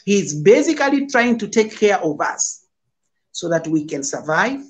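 A man from Zambia, a political commentator, explaining forcefully over a phone video call, heaping up figures and comparisons. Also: sits high, big pitch swings, measured pace. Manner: emphatic, lecturing with figures and analogies.

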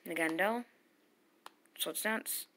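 A woman giving live commentary while playing a battle game, excitable and yelling at the screen. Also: on the low side, slow, slight background noise. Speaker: gamer playing online battles.

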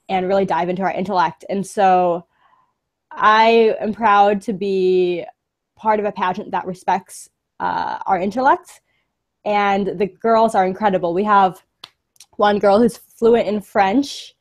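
An upbeat woman in her 20s from the San Francisco Bay Area, a pageant delegate, is interviewed live over a webcam video call while sitting on a sofa indoors. Her mid-range voice is fairly even and measured, though she laughs often and uses lots of fillers in the casual chat.

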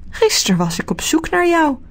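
A woman's voice: sits high, sing-song, fairly quick, voice pushed up. A woman voicing a small, cheerful man who lives in the clouds and calls out a sing-song greeting.

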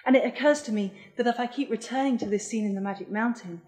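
A middle-aged woman giving a lecture, reading her own essay aloud in a measured, thoughtful, wry way. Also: a little high, darkish tone, low-quality recording. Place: lecture hall.

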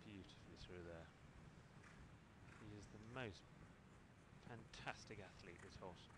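Excited low-voiced male co-commentator. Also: unhurried. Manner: enthusiastic, admiring expert remarks. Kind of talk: sports commentary. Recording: outdoor broadcast with crowd noise.

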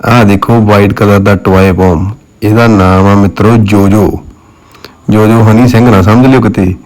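A man's voice: on the low side, steady tone, normal speed, darkish tone. A man with a Punjabi accent chatting casually to viewers as a dog breeder presenting on video, addressing them as friends.

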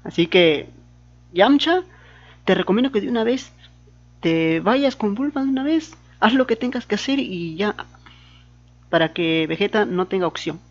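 A man's voice: sits high, lively intonation, moderate pace, pauses often, highs cut off. A man giving casual commentary on a fan comic, often asking the listener to agree. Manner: questioning, conversational, asks the viewer for agreement.

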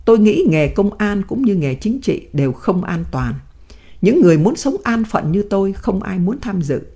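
A woman voicing a dignified old male prisoner who speaks in firm, measured sentences. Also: mid-range voice, sing-song, warm tone, slightly rough.

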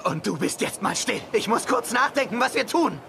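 A man's voice: high-pitched, animated, normal speed, creaky, sharp tone, slight background noise, full character voice. A man dubbing a hot-headed young man in a film, bickering and sarcastic. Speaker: dub actor. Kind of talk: German film dub.

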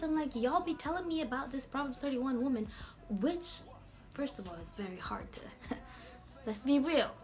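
A woman hosting a casual Bible talk vlog in a chatty, slangy, animated way. Her voice is going hoarse. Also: fairly low pitch. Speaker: video host.

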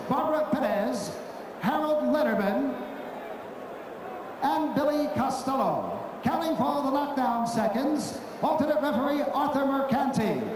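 Boxing ring announcer, older man, very high projected voice, ceremonious name calls, distant echoing arena PA. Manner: ceremonious projected delivery, drawn-out names. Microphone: handheld microphone over arena PA. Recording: booming echoey arena PA, distant, noisy.

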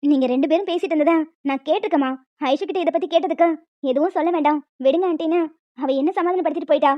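Woman voicing a gentle, wise aunt. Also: high-pitched, rapid-fire, no room sound, pitched below the performer's own voice, natural voice. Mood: reassuring. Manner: gentle, advising, calm. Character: kind, wise middle-aged aunt. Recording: dull lo-fi audio with music.

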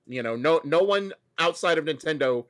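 Animated higher-voiced man on a video call. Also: moderate pace. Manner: animated, opinionated, frequent restarts and fillers. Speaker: co-host. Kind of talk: casual gaming news chat. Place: home room.

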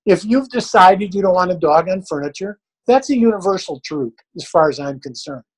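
A man's voice: sits high, expressive, a little fast, breathy edge, poor audio. An older man, a dog trainer, answering questions in a blunt, folksy, plain-spoken way.

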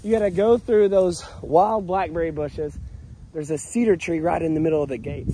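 A man talks outdoors on his land, his voice a little higher than most men's and scratchy from a cold. He walks the viewer through the fence work in an easygoing, step-by-step way, with a faint hiss of noise under him. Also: mellow. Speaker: ranch vlogger. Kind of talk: casual outdoor vlog narration. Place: outdoors on a rural property. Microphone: camera-mounted action cam.

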